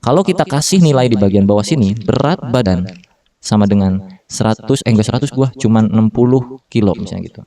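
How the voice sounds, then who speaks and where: A fairly low, mellow male voice with lively intonation carries this informal programming tutorial, delivered a little fast. The speaker, a tutor in his thirties, uses Jakarta-style slang and fillers and keeps correcting himself mid-sentence, all captured from a distance.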